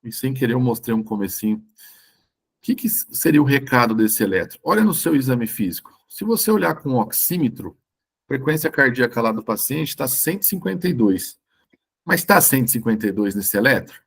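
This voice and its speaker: Hoarse Brazilian man teaching online. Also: medium pitch, very animated, fairly quick. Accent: Brazilian Portuguese. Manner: informal, keeps checking in with listeners. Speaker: doctor teaching a course. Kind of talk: live online lecture.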